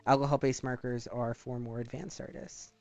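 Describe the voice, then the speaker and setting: A man talking casually and with some swearing as a streamer who draws live, rambling in an animated way. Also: mid-range voice, normal speed, vocal fry, no echo, soft background music. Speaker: streamer drawing art live. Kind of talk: casual livestream chat while drawing.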